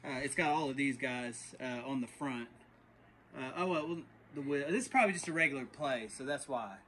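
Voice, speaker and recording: A Texan storage unit reseller narrates his vlog at normal speed, his medium-pitched voice animated and fairly bright, talking to y'all as he sorts an outdoor unit and then sits in his truck. The low-quality recording carries faint background noise.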